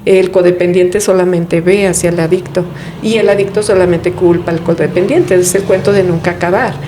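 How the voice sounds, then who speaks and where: A woman's voice: fairly low pitch, steady tone, fairly quick, background noise. A woman, a guest in an interview, explaining family dynamics in a reflective way, often posing rhetorical questions. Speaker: guest speaking on family therapy. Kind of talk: conversational interview.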